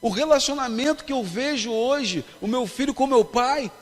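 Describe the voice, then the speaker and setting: Brazilian male pastor, high-pitched, emphatic sermon storytelling, echoing church hall. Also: moderate pace. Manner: storytelling, emphatic, calls the congregation "irmãos". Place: church hall at a youth congress. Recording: long reverb of a church hall.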